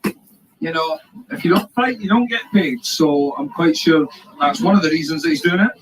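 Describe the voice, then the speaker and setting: Scottish guy co-commentating boxing, kinda high voice, noisy arena behind him. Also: normal speed, recorded from a distance. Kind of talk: live fight commentary.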